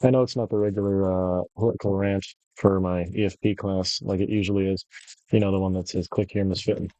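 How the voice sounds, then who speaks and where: Young man, low voice, monotone, rambling, filler-heavy, dry close mic. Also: no room sound. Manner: rambling, halting, with many fillers; deliberately monotone delivery. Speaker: gaming video host. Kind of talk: casual gameplay commentary.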